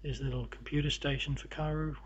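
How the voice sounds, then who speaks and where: A man walking through his home with a camera, narrating the rooms in a halting, casual way full of fillers and restarts. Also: a little high, fairly even intonation, lo-fi sound, background noise. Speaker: homeowner giving a house tour. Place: inside a house, walking room to room.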